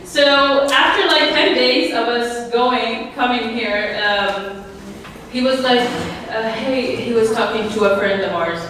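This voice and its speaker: A teenage girl from Syria, a new citizen, gives a personal speech at an event, nervous and hesitant, with many fillers and small laughs. Her fairly high voice moves at a slow pace. The recording comes from far off in a noisy, echoey hall.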